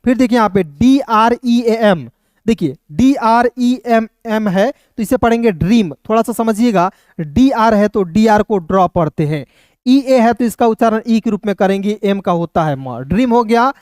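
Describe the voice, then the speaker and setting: A man's voice: high voice, expressive, a little slow, darkish tone, clear, resonant tone, no echo, clean studio sound. A man teaching English pronunciation, spelling words out letter by letter and often calling his viewers friends.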